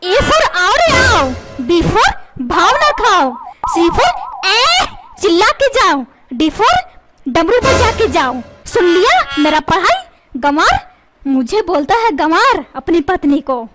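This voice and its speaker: A woman voicing a sharp-tongued, feisty mother in a cartoon who bickers with her husband. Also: extremely high pitch, sing-song, measured pace, full character voice. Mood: taunting. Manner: bickering, taunting. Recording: loud background music.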